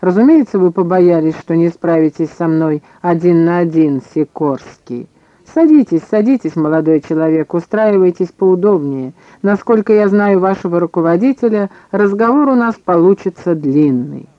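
A man's voice: high-pitched, animated, moderate pace, no room sound, muffled recording. A man voicing a jittery, fussy old male historian who yelps and shrieks in an audiobook. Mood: testy. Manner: yelping, fussy.

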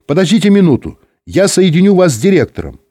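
A stern young female radio operator, as a male reader puts her on, speaking from a station in an audiobook. Her voice is raised high above his own, strict and formal, and the recording is dry. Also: big pitch swings, moderate pace, mellow, dry recording.

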